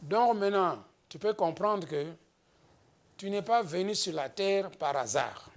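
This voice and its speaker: A pastor from the Democratic Republic of the Congo delivers a slow, emphatic sermon that builds into exhortations. His voice is high and animated.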